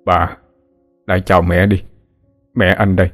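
A man's voice: low voice, little pitch movement, normal speed, faint music behind. A man voicing a grown son who returns home after decades, speaking in a choked, sobbing, pleading way. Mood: earnest. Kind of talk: audiobook character voice.

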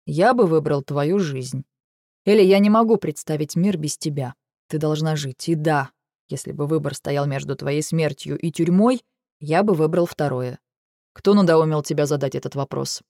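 A woman voicing a brooding, stubborn male dragon in an audiobook, speaking in a calm, dry, measured way. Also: low voice, no echo. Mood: earnest. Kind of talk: audiobook character reading.

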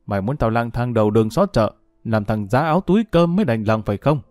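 A man's voice: mid-range voice, expressive, fast, darkish tone, no room sound, clean studio sound, faint music behind, lightly acted. A man voicing an angry, self-pitying older father, scolding and cursing. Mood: bitter.

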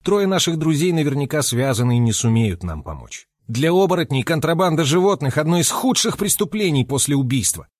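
An earnest young man speaks in a firm, reproachful way, as a male narrator puts him on. His voice sits a little higher than the reader's own, and the audiobook sound is dry and close. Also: sing-song, a little fast, few pauses, dry recording.

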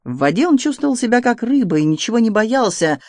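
A narrator reading an adventure novel aloud in an even storytelling manner. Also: medium pitch, fast, dry recording. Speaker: audiobook narrator. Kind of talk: scripted narration.

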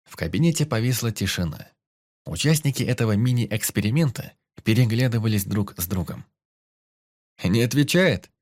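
Low-voiced man narrating an audiobook. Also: animated, a little fast, darkish tone, no room sound, studio quality. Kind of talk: scripted narration.

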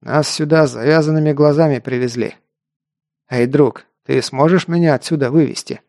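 A man's voice: fairly high pitch, normal speed, a little mellow, no echo, clean studio sound, natural voice. A man reading an audiobook voicing a wary, nervous young stranger who talks in brief street slang. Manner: laconic, uses street slang.

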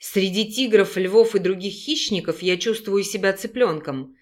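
A man's voice: sits high, normal speed, close to an everyday voice. A woman doing a sullen, mocking werewolf man. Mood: sardonic. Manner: hissing through teeth, mocking. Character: sullen male werewolf wolf, mocking and cold.

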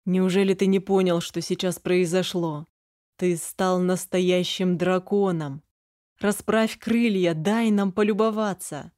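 A woman voicing a stern, pompous dragon general and father, speaking in a calm, commanding, lofty manner. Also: lowish voice, unhurried, no echo, studio quality, close to an everyday voice. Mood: grand.

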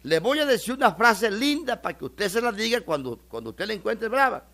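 A man's voice: high voice, very animated, brisk, sharp tone, exaggerated voice. A man playing a helpful friend who gives advice in a comic tale. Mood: coaxing.

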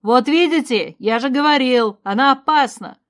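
A woman reading aloud voices a hostile young man who loudly and scornfully accuses others. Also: a little high, animated, normal speed.

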